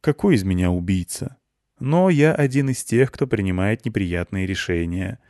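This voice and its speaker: A patient, formal director, as a male narrator voices him, speaking in measured, courteous sentences. The voice is low and dry, set close with no reverb. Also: animated, a little mellow. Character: calm, polite, morally compromised school director.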